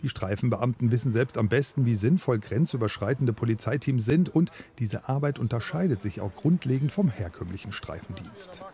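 A man reading a news report voice-over in a calm, even way. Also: medium pitch, fairly quick, few pauses.

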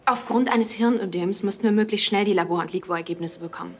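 An actress voices an ambitious young female doctor in a hospital drama. She speaks fast and assertively, in a businesslike way. Faint ambient noise sits behind her. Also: mid-range voice, natural voice. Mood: firm. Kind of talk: naturalistic TV drama acting.

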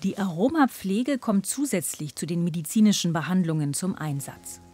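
A woman reading scripted narration for a TV report in an even, factual manner. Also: fairly low pitch, moderate pace.

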